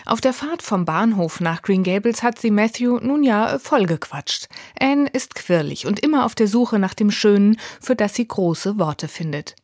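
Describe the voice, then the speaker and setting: A woman presenting a scripted audiobook review in a lively, clear way. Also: mid-range voice, normal speed, few pauses, no room sound, clean studio sound. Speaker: book reviewer.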